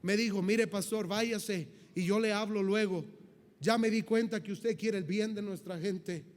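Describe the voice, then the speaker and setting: A man's voice: high voice, fairly even intonation, normal speed, long reverb tail. A man preaching a sermon as a missionary pastor, telling stories and calling the congregation brothers. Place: church.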